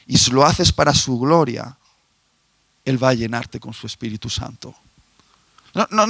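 A man's voice: fairly high pitch, sharp tone, dry recording. A man preaching a sermon, asking his listeners questions and telling a fable. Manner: asks the audience questions, tells a fable.

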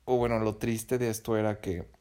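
A man's voice: on the low side, little pitch movement, normal speed, dark tone. A young man with a Mexican accent telling a personal story in a casual, slangy, profane and rambling way.

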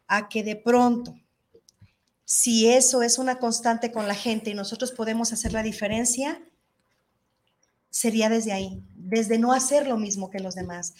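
A middle-aged woman hosting a talk, speaking in a thoughtful, earnest way. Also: a little high. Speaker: host. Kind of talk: reflective talk show chat.

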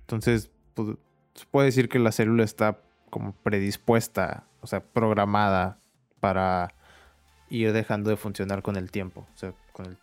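A young man hosting an interview, relaxed and thinking aloud as he asks questions. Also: fairly low pitch, moderate pace, clean tone, faint music behind. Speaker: interviewer, host. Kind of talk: casual interview chat.

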